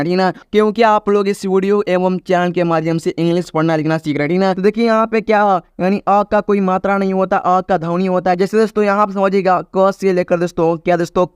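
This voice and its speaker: A man's voice: sits high, smooth, dry recording, clean studio sound. A man teaching a video lesson to viewers he calls friends, repeating "okay?" often and stretching vowel sounds to demonstrate them. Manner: repetitive, keeps asking "ठीक है ना?". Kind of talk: classroom-style video lesson.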